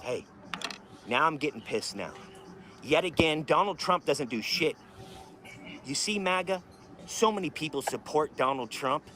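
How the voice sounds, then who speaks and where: A man's voice: on the high side, a bit bright, slight background noise. A man hosting a live stream, ranting to his chat in a heated, emphatic way with a lot of swearing. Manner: talks straight to chat viewers. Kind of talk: casual live stream rant.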